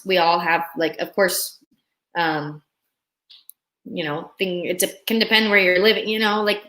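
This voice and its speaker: Young woman, relocation consultant, chatty and upbeat, clear bright tone, mid pitch. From Russia. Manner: upbeat, chatty, reads viewer comments aloud. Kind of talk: live stream chat with viewers.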